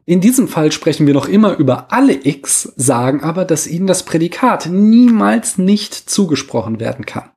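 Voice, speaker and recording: Husky-voiced man explaining philosophy. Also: on the high side, a little mellow. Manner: dry, joking asides in plain explanation. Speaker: podcast host explaining philosophy. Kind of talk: scripted educational podcast narration. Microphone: podcast microphone.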